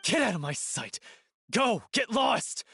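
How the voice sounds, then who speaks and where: A man voicing a hot-tempered young troupe actor in a video game, shouting emotional accusations. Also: high voice, big pitch swings, measured pace, a little hiss or hum, heavily acted. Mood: furious.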